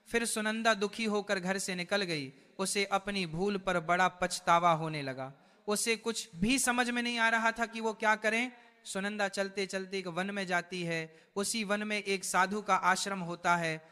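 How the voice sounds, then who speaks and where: A man narrating a devotional story in a formal, even scripted style. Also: high voice, smooth.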